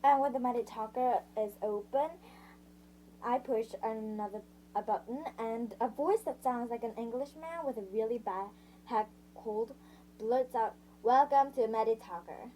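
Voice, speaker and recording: A woman with a slightly high, warm voice narrates a first-person novel on poor audio with a faint hiss or hum. Her amateur reading is halting: she trips over words, self-corrects, restarts lines and stops to recap in her own words.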